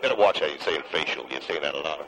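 Deep gruff appalachian senator, touchy and blunt, talks fast, west virginia radio comedy sidekick. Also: male voice, expressive, a crowd in the background, rough recording. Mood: gruff agreement. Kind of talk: satirical radio call-in character comedy.

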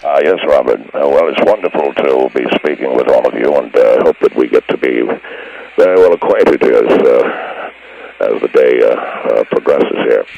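Gravelly old ham actor, muffled as if into a trash can. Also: male voice, a bass voice, a little hiss or hum, pitched below the performer's own voice. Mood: stuffy, formal. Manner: pompous, formal, halting with many uh's. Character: gravel-voiced older man, stuffy former stage actor. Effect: muffled, hollow sound as if talking into a trash can.

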